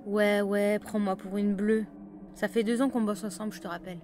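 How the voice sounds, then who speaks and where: A woman voicing a jumpy female soldier in an amateur horror audio drama, with quick, teasing banter. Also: mid-range voice, flat delivery, a little mellow, slight background noise, lightly acted.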